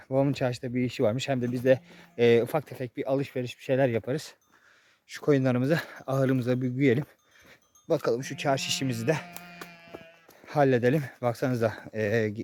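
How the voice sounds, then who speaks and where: A young man vlogging outdoors in a village pasture, chatting to viewers and calling out loudly to his animals. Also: medium pitch. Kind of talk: casual chat to camera.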